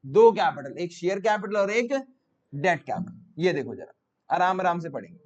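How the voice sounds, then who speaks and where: A man's voice: sits high, expressive, moderate pace, muffled recording. A male teacher giving a classroom lecture, repeating each question to his students and coaxing answers out of them. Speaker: commerce teacher.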